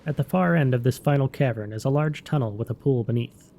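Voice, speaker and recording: A man's voice: mid-range voice, brisk, gravelly, dark tone. A man narrating scripted fantasy game lore as a storyteller.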